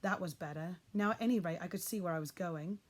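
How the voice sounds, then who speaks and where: Expressive woman reading a children's story. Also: on the low side, fast. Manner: expressive, builds suspense. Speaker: audiobook reader. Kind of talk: reading a children's novel aloud.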